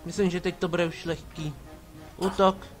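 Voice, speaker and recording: Sarcastic gamer man, higher voice. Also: level tone. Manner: mock-commanding, sarcastic asides to party members. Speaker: let's play gamer. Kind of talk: casual gameplay commentary. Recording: game music behind voice. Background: game music.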